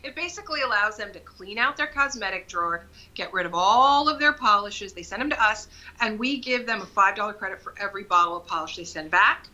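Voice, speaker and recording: A woman's voice: medium pitch, expressive, brisk, few pauses, pushed and bright, lo-fi sound. A woman guest from a nail polish brand, explaining products in a friendly, detailed way. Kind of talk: casual chat about beauty products.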